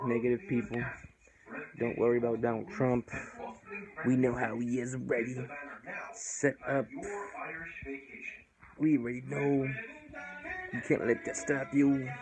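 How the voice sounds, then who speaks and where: A man's voice: mid-range voice, completely flat delivery, moderate pace, long pauses, a crowd in the background, rough recording. A young man, drunk, rambling casually to the camera in loose, sweary slang, close to the mic indoors. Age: young adult. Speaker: vlogger in comic drunk-elf persona. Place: indoors on a couch in a living room. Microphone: phone or webcam held close.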